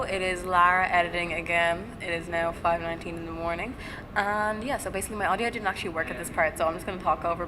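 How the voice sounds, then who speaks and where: A young woman with an Irish accent chats casually to a vlog in a rambling, self-deprecating way. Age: young adult. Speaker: student vlogger. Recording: loud traffic and vehicle rumble. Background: bus and street noise.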